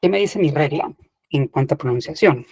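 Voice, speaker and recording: A man's voice: on the high side, lively intonation, fairly quick, a little mellow, breathy edge, no room sound. A man teaching English grammar in an online class, explaining step by step and checking in with the students. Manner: patient, methodical, checks in with "ok". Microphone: computer mic in online seminar.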